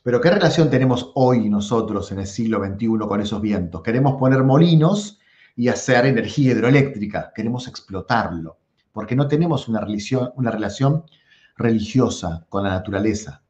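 A man with a Rioplatense accent lectures on philosophy, talking directly to his audience and repeating words for emphasis. His pitch swings widely as he explains. The sound is roomy and a little dull. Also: lively intonation, brisk, a little mellow. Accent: Rioplatense Spanish. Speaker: philosophy teacher. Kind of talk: lively lecture to camera.

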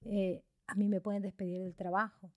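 A woman's voice: medium pitch, flat delivery, normal speed, no echo, studio quality, close to an everyday voice. A woman doing a firm, practical working mother. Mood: insistent.

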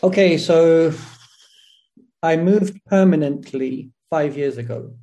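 A man's voice: fairly high pitch, slow pace, dark tone, poor audio. A man with a South London accent giving conversational, explanatory interview answers, often restarting and correcting himself as he goes. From South London, England. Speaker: interview guest, academic historian.

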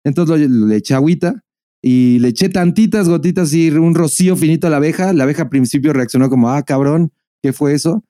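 A Mexican-accented man co-hosting a podcast, telling a rambling story with lots of swearing and bursts of laughter. His voice sits a little high but sounds mellow and dark, and it is recorded dry and close with no room sound. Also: fast, no echo. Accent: Mexican Spanish. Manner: profane, animated, laughing storyteller. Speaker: podcast co-host. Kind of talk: casual storytelling chat.

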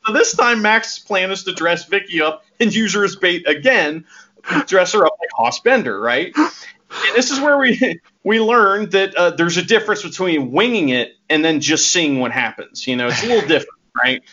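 Animated high-voiced man recapping a movie. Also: normal speed. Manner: animated, laughs often, acts out quoted lines. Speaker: podcast co-host. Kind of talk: casual movie recap chat. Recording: dull lo-fi audio.

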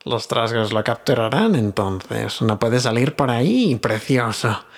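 A man's voice: expressive, unhurried. A man voicing a wretched ancient cave creature that hisses, whines and mutters to itself in an audiobook. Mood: scheming. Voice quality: hissing, muttering to himself. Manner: whining, cursing, sudden high outbursts. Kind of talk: audiobook character reading.

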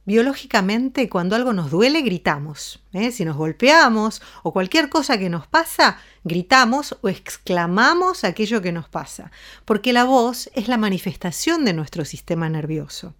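A woman giving a calm, explanatory voice lesson. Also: mid-range voice, normal speed. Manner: calm, explanatory, demonstrates ways of speaking. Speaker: voice teacher. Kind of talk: spoken voice lesson.

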